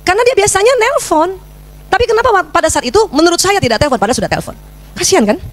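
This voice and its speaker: Fast-talking woman giving a parenting lecture. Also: very high voice. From Indonesia. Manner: lively, teasing the audience with questions.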